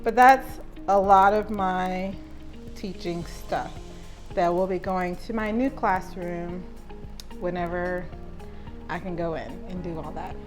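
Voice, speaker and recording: Slow-talking young Southern woman, chatty. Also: lowish voice, over music. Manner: chatty, rambling, many "like"s and restarts. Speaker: teacher vlogger. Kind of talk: casual vlog chat.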